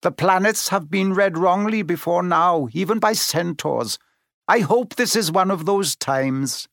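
A man doing a wise male centaur who speaks in a grave, measured, prophetic way. The voice sits well above the reader's own. It is a storybook figure, read very close and dry. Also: high-pitched, creaky, fairly bright tone, no echo, voice pushed up, full character voice. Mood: gentle.

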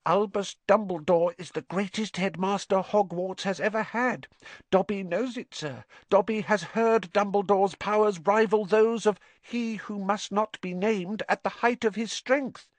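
Dobby, a squeaky frantic house-elf. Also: male voice, a little slow, no echo. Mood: urgent. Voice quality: squeaky, strained. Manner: pleading, speaks of himself in third person. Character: small anxious male house-elf, servile and frantic. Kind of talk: audiobook character voice.

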